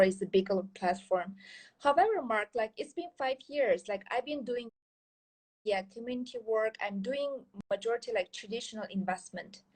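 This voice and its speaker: A woman in her thirties from Kyrgyzstan speaks English as a second language with a Kyrgyz accent, though her first language is Chinese. Her voice is fairly high and the audio quality is poor. As a guest in a casual interview, she talks earnestly, with many fillers and restarts.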